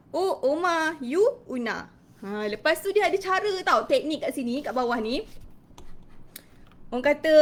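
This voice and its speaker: High-pitched malaysian lady teacher doing a chatty live stream lesson, lots of little "ha"s. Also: a bit bright.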